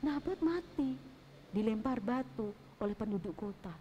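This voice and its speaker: Animated woman telling a children's Bible story. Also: fairly high pitch, moderate pace, dull audio, a little hiss or hum. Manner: animated, acts out sounds. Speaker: Sunday school teacher. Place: church hall. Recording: long hall reverb.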